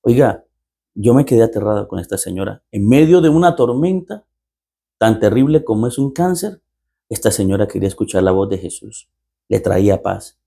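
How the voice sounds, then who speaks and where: A man's voice: lowish voice, lively intonation, normal speed, vocal fry, warm tone, slightly rough. A man preaching as a pastor, telling a story with repeated rhetorical lines and acting out the dialogue. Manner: repetitive rhetorical phrasing, acts out dialogue. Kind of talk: storytelling sermon.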